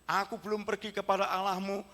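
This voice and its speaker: A male pastor voicing Jesus as a calm, firm man speaking to his followers, in an echoey church. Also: high-pitched, a little fast. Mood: commanding.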